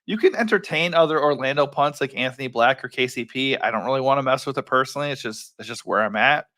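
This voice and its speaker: A man with a worn, rough voice hosting a casual solo breakdown of fantasy sports picks, relaxed and rambling, correcting himself with lots of ums. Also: medium pitch, fast. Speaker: fantasy sports analyst host.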